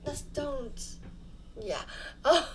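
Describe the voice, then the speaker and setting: Whispering very slowly in a high, animated, fairly bright voice, a young YouTuber talks casually over a home build on her channel. She rambles and giggles self-deprecatingly, her mouth sore from fresh dental fillings, on a low-quality recording.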